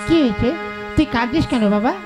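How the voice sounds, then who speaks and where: A man's voice: extremely high pitch, fast talker. A man voicing a fiery, jealous middle-aged mother in a folk puppet show, scolding shrilly. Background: tabla and folk music.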